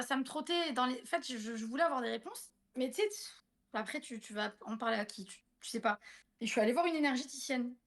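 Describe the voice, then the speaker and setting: A woman in her thirties tells a personal story in a relaxed, chatty way. Her voice sits a little high. She keeps stopping to restart and turns to her listener with small asides. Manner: chatty, many fillers and restarts, addresses listener directly. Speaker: guest telling a personal story. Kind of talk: casual storytelling chat on a livestream.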